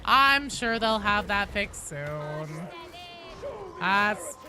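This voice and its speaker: A woman with a mid-range, lively voice speaks extremely slowly in a sharp tone, with a slight hiss or hum in the audio. She's livestreaming a game, casually reading out viewer comments and answering them, swearing freely and reacting playfully.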